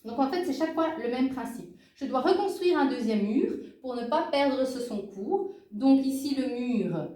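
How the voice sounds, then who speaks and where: Lively woman teaching in an echoey room. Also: sits high, normal speed, hardly any pauses, distant mic. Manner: checks in with listeners, lively and emphatic. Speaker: language teacher. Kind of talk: explanatory lesson.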